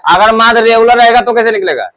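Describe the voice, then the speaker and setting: Male math teacher, Bihari Hindi accent, high voice, drills and scolds pupils in class. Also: fast talker, fairly bright tone, clean tone. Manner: scolding, drills pupils with call-and-response questions.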